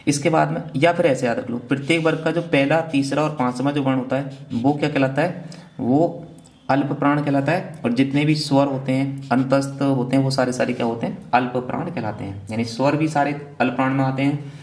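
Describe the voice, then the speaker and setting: A man's voice: medium pitch, fairly even intonation, brisk, darkish tone. A man teaching an exam revision lecture, asking questions and answering them himself and often checking in with "theek hai na". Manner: asks question then answers it.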